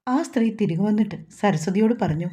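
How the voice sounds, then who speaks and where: A woman with a Malayalam accent reading a romantic novel aloud as narrator, voicing every character in a fairly even tone. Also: medium pitch, quick pace, breathy edge. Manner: reads all characters' dialogue in a mostly even voice. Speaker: story narrator.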